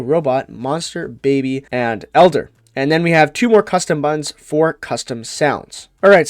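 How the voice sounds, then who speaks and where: Guy doing a chill gear review, bit higher voice, lots of uhs and restarts, dry close sound. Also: dry recording. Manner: loose, rambling, many fillers and restarts. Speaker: product reviewer. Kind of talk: casual product review. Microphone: condenser mic.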